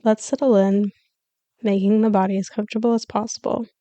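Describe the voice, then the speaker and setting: A woman leads a scripted yoga nidra session as the teacher, her calm, soothing instructions measured and broken up by pauses. She speaks at a medium pitch, with no echo in the recording.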